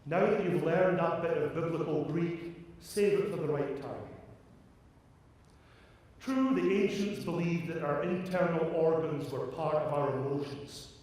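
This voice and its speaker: A male preacher delivers a homily from some distance in a very echoey hall with long reverb. He builds emphatic, rhetorical repetitions and leaves deliberate pauses, speaking slowly throughout. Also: on the high side, darkish tone.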